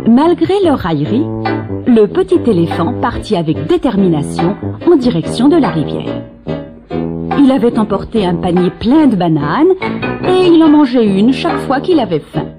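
Expressive woman reading a children's story. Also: fairly high pitch, normal speed. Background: background music.

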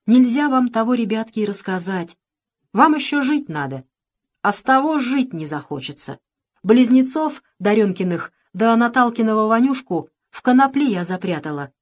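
A tender old village grandmother, as a woman narrator voices her in an audiobook, her talk soft and homely. She speaks a little higher than the narration and pushes her words with feeling, in grieving, simple sentences. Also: expressive, normal speed. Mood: tender, sorrowful. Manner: soft, tender folk speech.

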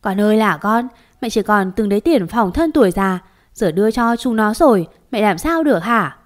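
A scornful older mother-in-law who scolds and blames her son's wife at every turn. A woman storyteller voices her with a mid-range pitch. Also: lively intonation, moderate pace, lightly acted. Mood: scolding. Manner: scolding and reproachful.

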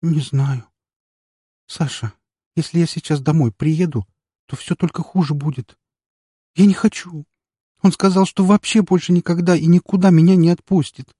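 A man voicing an upset young woman who pleads and shouts through tears. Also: fairly high pitch, lively intonation, fast talker, few pauses, no echo, studio quality, pitched above the performer's own voice. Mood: tearful.

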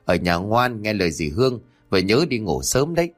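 A man's voice: lowish voice, big pitch swings, normal speed, soft background music, voice pushed down. A man voicing a young husband and father in an audio story, speaking urgently. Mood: calm. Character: young father, anxious then frantic.

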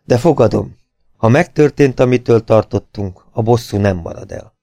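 A man reading the part of a shrewd, commanding male detective in an audiobook, urgent and often hushed. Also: medium pitch, creaky, no room sound, studio quality, lightly acted. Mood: bitter. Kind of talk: audiobook character voice.

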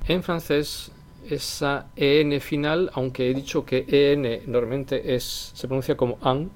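A man teaching a language lesson, explaining slowly and repeating example phrases, often ending a point with a quick "eh?". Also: medium pitch, a little mellow. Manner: tag question "eh" after points. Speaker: French teacher.

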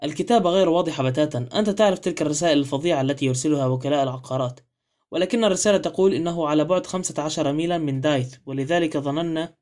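Brisk confident young wife, read by a man. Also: on the high side, a little mellow, lightly acted. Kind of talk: audiobook character reading.

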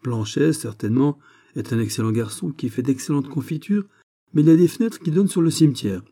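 A big, naive musketeer blurts out whatever comes to mind in an artless way, as a man reads the part. The voice is pushed a little higher and louder than the narration, but it keeps a very dark tone. This is an audiobook character voice. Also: a little fast, close to an everyday voice. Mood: chattering.

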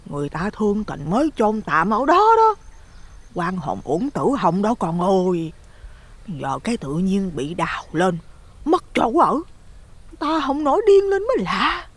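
Brief: man as nosy village gossip, 60s, husky, animated storybook voice. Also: high-pitched, voice pushed up, full character voice. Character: gossipy plump village woman in her sixties, loud, nosy.

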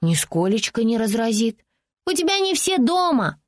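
A woman's voice: on the high side, sing-song, moderate pace, dry recording, studio quality. A woman doing an earnest bookish little girl. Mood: indignant. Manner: prim, old-fashioned phrasing, indignant. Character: small bookish girl, earnest and easily hurt. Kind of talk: audiobook character voicing.

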